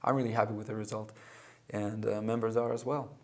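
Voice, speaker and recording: Low-voiced man who grew up in Israel. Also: flat delivery. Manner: halting, with many pauses and fillers. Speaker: guest, club president. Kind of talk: interview answers.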